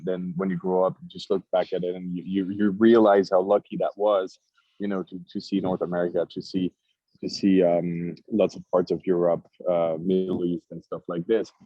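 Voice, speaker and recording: A man's voice: deep voice, dry recording, dull audio. A man from Switzerland with a Swiss French accent, a cigar company founder in a casual podcast interview, thoughtful and repeating words as he searches for them.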